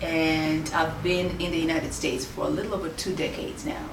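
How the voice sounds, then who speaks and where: A woman's voice: deep voice, fairly even intonation, recorded from a distance, background noise. Woman, roomy off-mic sound. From Kenya. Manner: measured, with frequent "uh" and "um" pauses. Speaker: boutique owner. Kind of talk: interview answers. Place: her clothing shop.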